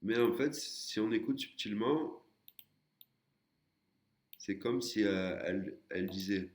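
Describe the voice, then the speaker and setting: Slow, deep-voiced male language teacher. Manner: patient, explains step by step with many hesitations. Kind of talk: screen-recorded lesson.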